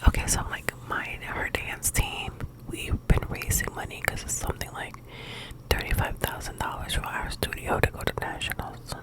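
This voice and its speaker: Hushed and breathy, a woman who hosts ASMR videos murmurs as if it's late at night, casually rambling in stop-and-start phrases. It feels like a personal ASMR chat, though the audio is poor.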